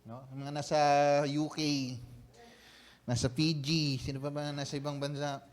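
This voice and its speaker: A man's voice: fairly high pitch, level tone, moderate pace. Man preaching in a chatty style. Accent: Filipino. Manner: conversational preaching, frequent tag questions. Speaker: senior pastor. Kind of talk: sermon.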